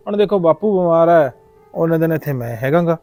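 A sly young farmhand with a Punjabi accent, played by a man, friendly to the family's faces but plotting under his breath. His voice sits a bit high for a man, and the sound is dry and close. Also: animated, brisk, darkish tone, dry recording, soft background music, lightly acted. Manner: muttering asides to himself. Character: scheming young male farmhand with lustful designs. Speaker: hired farm worker.

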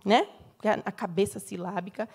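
A middle-aged Brazilian woman with a Brazilian Portuguese accent lectures as a professor, her mid-range voice brisk and a little mellow with a breathy edge. She explains things step by step, often checks in with tag questions, and sings examples.

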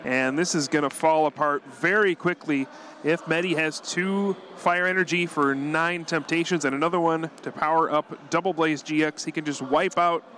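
A male commentator breaks down a card-game match move by move, quick and analytical, with light chuckles. His voice sits a bit higher than most men's. A faint hum of background noise runs underneath. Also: fairly even intonation, bright, forceful tone. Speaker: tournament commentator. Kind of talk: live play-by-play commentary.

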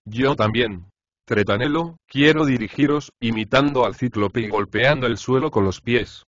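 A man's voice: medium pitch, moderate pace, lo-fi sound, close to an everyday voice. A man voicing a brash, mocking male house slave in an audiobook of a comic play. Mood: boisterous. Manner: cheeky, taunting.

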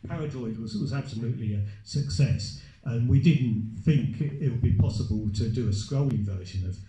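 A man's voice: medium pitch, normal speed. A man on a live event panel, telling stories about making a game, with many stammering restarts. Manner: stammering restarts, animated storytelling. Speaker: game developer guest. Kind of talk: panel interview recollection. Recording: echoey event hall, live stream.

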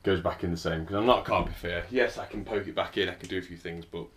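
Man, very low voice, electrician talking through a job, dry and chatty. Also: fast talker, fairly bright tone, husky. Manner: chatty, dry, explains as he works. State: out of breath at times. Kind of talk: casual work vlog narration. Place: house being rewired, indoors.

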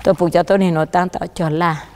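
A male pastor preaching a sermon outdoors by a riverside, his voice often jumping higher and louder for emphasis. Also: little pitch movement, racing.

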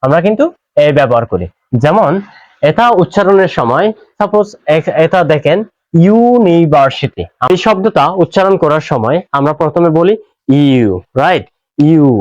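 A man with a Bangladeshi accent teaching an English grammar lesson, explaining step by step, repeating words slowly and asking "right?" as he goes. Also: fairly high pitch, a little mellow, no echo. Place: classroom with whiteboard. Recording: dull, dry lo-fi sound.

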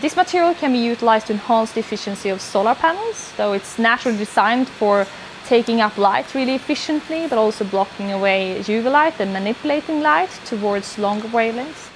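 Fairly quick and expressive, her slightly high voice comes through a low-quality recording with a little hiss or hum. She is the company's founder and CEO, earnestly describing its work in a documentary interview, using many "uh" fillers, lapel-miked in an indoor lab with music underneath.

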